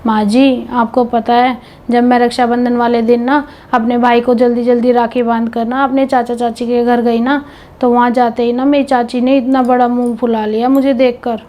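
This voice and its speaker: A woman's voice: a little high, level tone, moderate pace, darkish tone, natural voice. A woman playing a young, newly married daughter-in-law in a family drama. She talks to her mother-in-law in an earnest, chatty way. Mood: hurt. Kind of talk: scripted home video family drama. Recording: background music under dialogue.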